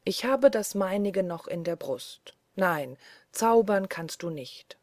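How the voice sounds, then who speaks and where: A woman's voice: medium pitch, lively intonation, slow pace, darkish tone, no room sound, studio quality. A woman reading the lines of a cunning, cold-hearted young male charcoal burner who taunts scornfully. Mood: taunting.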